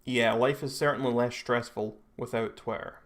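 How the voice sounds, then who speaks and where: A man's voice: medium pitch, fairly even intonation, moderate pace. A young Scottish man hosting a live stream, chatting casually and rambling with frequent restarts and self-corrections. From Scotland. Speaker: livestream host.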